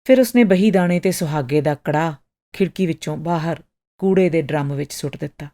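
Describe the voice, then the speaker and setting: A woman narrating a short story in an expressive, dramatic storytelling manner. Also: deep voice, fairly quick.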